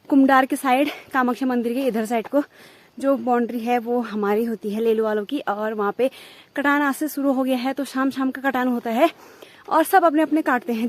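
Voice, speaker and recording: High-pitched and talkative, this woman from Uttarakhand's Kumaon hills vlogs outdoors while walking hill paths and village roads. She narrates casually and speaks to viewers as her friends.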